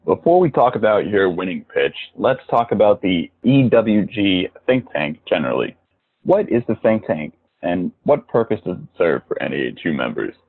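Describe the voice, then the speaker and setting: Husky man host on a tinny low-quality stream. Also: big pitch swings, normal speed. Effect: low-quality remote audio stream. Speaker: podcast host. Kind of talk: reading a scripted introduction and interview questions. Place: recording from his own home.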